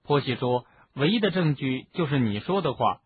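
Teenage boy wizard, gossipy, indignant, man reading, husky, tinny phone-like sound. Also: mid-range voice, expressive, normal speed, no echo. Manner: chatty, explaining at length. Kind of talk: audiobook reading.

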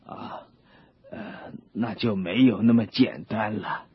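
An actor playing a patient, wise old father in a radio drama, speaking slowly, gently and gravely. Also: on the low side, highs cut off, heavily acted. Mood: gentle.

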